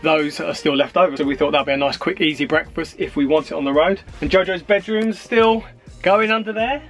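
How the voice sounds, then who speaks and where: A man's voice: fairly high pitch, fairly quick, soft background music. A man vlogging, chatting casually to the camera and to his partner.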